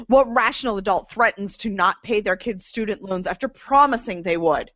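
A woman's voice: mid-range voice, normal speed, fairly bright tone, no room sound, lo-fi sound, close to an everyday voice. A young woman acting a sarcastic, defiant college graduate in an audio drama. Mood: bitter. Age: young adult.

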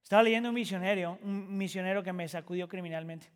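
A pastor with a high voice delivers a sermon in a church sanctuary. He moves from hushed, reflective passages to impassioned, shouted climaxes. His voice carries a long reverb through the hall. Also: fast talker.

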